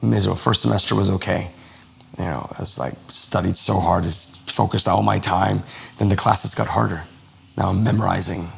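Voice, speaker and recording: A man from the United States speaks as a podcast guest, with a low, gravelly voice full of vocal fry. He tells personal stories in a relaxed, conversational way and slips into the voices of people in his anecdotes. The delivery is animated and unscripted. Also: moderate pace. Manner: animated, acts out quoted dialogue. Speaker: podcast guest, lifestyle coach. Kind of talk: casual interview storytelling.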